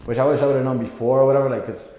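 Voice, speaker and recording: Young guy from puerto rico rambling fast in a casual chat, echoey gym sound. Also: medium pitch, fairly even intonation, warm tone. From Puerto Rico, raised in Florida. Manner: rambling, filler-heavy, restarts often. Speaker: podcast guest. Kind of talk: casual conversational interview. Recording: echoey room with long reverb.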